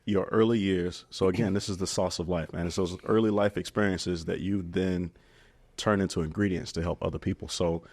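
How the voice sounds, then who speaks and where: Man, podcast host, low voice, earnest, reflective, casual interview. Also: fairly even intonation, a little fast, darkish tone. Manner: earnest, reflective, calls the guest brother.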